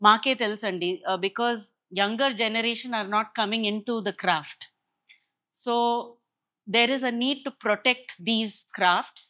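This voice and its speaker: A woman's voice: medium pitch, bright, forceful tone. A woman with an Indian Telugu accent explaining things in an interview, switching freely between Telugu and English. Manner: explanatory, with English phrases dropped into Telugu sentences. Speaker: guest explaining a maker center's projects.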